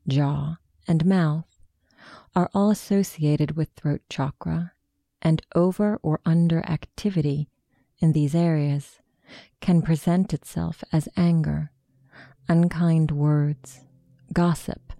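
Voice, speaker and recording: A woman guides a meditation in a low-pitched voice, giving soft, deliberate, soothing instructions into a close microphone. The recording is dry.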